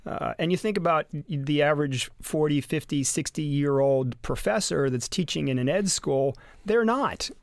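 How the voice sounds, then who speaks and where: A man's voice: fairly high pitch, moderate pace, creaky, few pauses, dry recording. Man, university guest on radio, rambling, restarts, dry close sound. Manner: rambling, many fillers and restarts. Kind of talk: radio interview.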